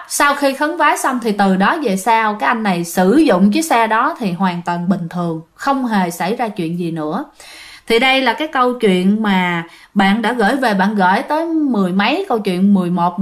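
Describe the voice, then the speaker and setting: A woman's voice: medium pitch, animated, brisk, few pauses. A woman telling ghost stories in a casual, chatty way, often speaking straight to her listeners. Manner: chatty, addresses listeners directly, with fillers. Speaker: ghost story narrator. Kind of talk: casual spoken storytelling.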